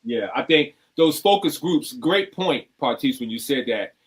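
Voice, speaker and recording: A man hosting a radio talk show, chatting casually, telling stories with lively acted-out quotes and giving advice to artists. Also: medium pitch, unhurried. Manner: animated storyteller, acts out quotes in a raised voice; preachy, advising artists.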